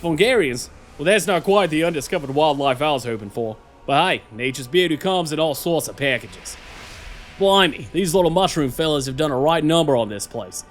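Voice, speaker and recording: A man's voice: fairly high pitch, lively intonation, normal speed, a little hiss or hum, lightly acted. A man performing as a chummy, adventurous Australian nature documentary presenter, colloquial and enthusiastic. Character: cheerful, adventurous Australian male wildlife presenter. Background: music.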